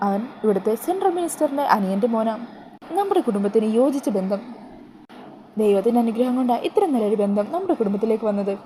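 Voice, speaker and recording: A woman's voice: on the high side, lively intonation, mellow, a little hiss or hum, close to an everyday voice, low-quality recording. A woman voicing a cold, proud wealthy father who speaks in a commanding way. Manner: commanding, slow.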